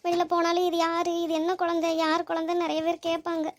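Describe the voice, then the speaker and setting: A tender, anxious young woman in a cartoon, fretting aloud over a crying baby, played by a woman. The voice sits very high and barely rises or falls, so the worry comes out in an even, pleading tone. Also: fast talker. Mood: worried. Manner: fretful, pleading, talks to herself. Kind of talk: cartoon voice acting.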